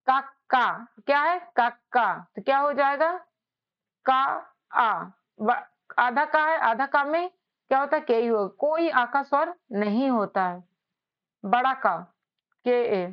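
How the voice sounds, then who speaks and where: A woman with a voice that sits high speaks slowly and pauses often in a patient whiteboard spelling lesson. She repeats each point and asks her students questions back, and the audio is lo-fi.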